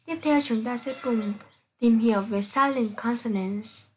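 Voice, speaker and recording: A woman teaching an English pronunciation lesson, reading out sounds and example words slowly and carefully to her students. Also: fairly high pitch, husky. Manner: slow, careful, spelling out sounds one by one.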